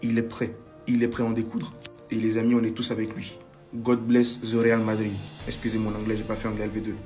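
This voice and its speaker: A man chatting calmly and wryly to viewers on match day, asking them questions. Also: fairly low pitch, quick pace, soft background music. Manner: calm, wry, asks viewers questions. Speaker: football content creator. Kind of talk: casual match-day chat.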